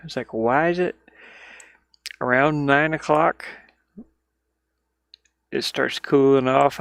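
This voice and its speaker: A livestreamer and indie game developer chats solo from inside a van, rambling and muttering as he thinks aloud while working. His mid-range voice is gravelly with a fairly bright tone and no room sound.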